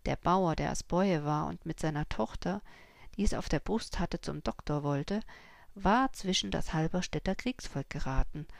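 A woman narrates an audiobook in a measured storytelling manner. Her voice sits low with a gravelly fry. The sound is close and dry. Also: no echo.

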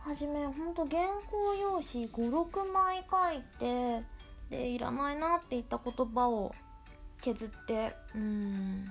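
A woman's voice: high voice, measured pace, soft background music. A woman podcast host with a cute, girlish anime-style voice, talking casually and rambling in a playful, self-deprecating way. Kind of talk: casual solo podcast talk.

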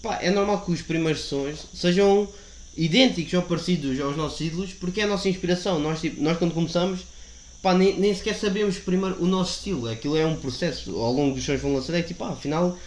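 A man's voice: on the high side, fast, darkish tone. A young man, hosting a casual interview in informal slang with easy swearing. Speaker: interviewer, host. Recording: echoey room with faint noise.

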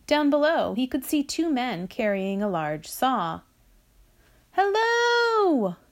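A woman reading a children's story aloud, with a slow, expressive delivery. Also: a little high.

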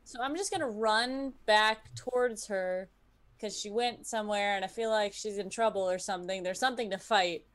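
A woman's voice: mid-range voice, normal speed. A brash, sweary woman chatting and joking casually as a player in a tabletop game.

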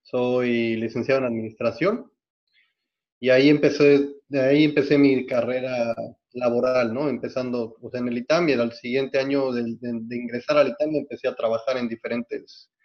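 A man with a Mexican accent talks through his working life in a measured, methodical way, circling back to restart his phrases. His voice sits at an ordinary middle pitch. The recording sounds muffled and lo-fi. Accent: Mexican Spanish. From Mexico City. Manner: steady, methodical storytelling with frequent restarts. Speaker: guest, hospital executive. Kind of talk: podcast interview, recounting career.

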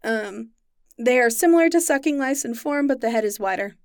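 A woman's voice: fairly high pitch, expressive, a little fast, no echo, clean studio sound. Chatty woman explaining insect science. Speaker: podcast co-host explaining science. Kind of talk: casual chat.

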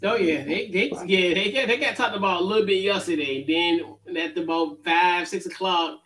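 A man's voice: sits high, moderate pace, fairly bright tone. A man hosting a casual sports podcast, running through game picks in a loose, easygoing way. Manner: easygoing, loose, many fillers and restarts. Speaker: podcast host.

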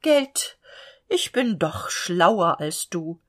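A woman's voice: lowish voice, slow, exaggerated voice. A woman voicing a sly, self-assured male cab horse in a spoken storybook. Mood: smug. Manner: calm, self-assured, scheming.

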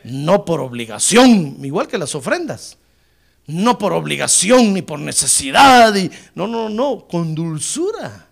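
Animated high-pitched male preacher. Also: measured pace, gravelly. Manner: preaching with sudden surges and drops in pitch and volume; repeatedly addresses listeners as brother. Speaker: pastor. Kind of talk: sermon.

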